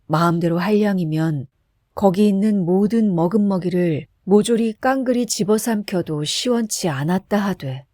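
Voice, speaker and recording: A woman narrating a classic short story in a measured, steady reading voice, close to the mic. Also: mid-range voice, no room sound. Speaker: audiobook narrator. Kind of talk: literary narration.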